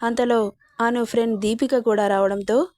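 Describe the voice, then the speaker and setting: A woman's voice: on the high side, steady tone, normal speed, a little mellow, no echo. A woman reading a romance story aloud, narrating and voicing every part in her own plain voice.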